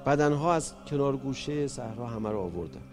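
A man preaching an emotional mourning sermon, swinging between loud cries and hushed tones. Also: medium pitch, animated, soft background music.

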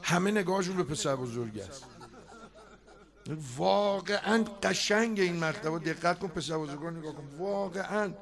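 A man giving a chatty, joking sermon at a religious gathering, now and then bursting out loudly. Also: sits high, animated, vocal fry. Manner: chatty and joking, breaking into loud outbursts. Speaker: preacher. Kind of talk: conversational sermon. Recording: live crowd audible behind.

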